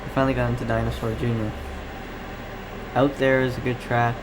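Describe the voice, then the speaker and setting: A Canadian man, a radio hobbyist, hosts a casual live stream, reading and answering viewer comments while thinking aloud in a rambling, distracted way. His mid-range voice barely moves in pitch, and he talks fairly quickly over a noisy background.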